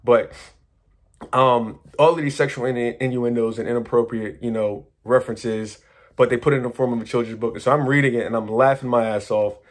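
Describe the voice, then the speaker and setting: A man talking casually to his viewers, rambling excitedly through a story with slang, swearing and many restarts. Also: medium pitch, a little fast. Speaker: manifestation coach.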